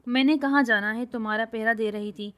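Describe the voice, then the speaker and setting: A woman voicing a quick-tempered, bossy young woman who scolds loudly and brags. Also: on the high side, fairly even intonation, muffled recording, lightly acted. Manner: loud scolding, bragging.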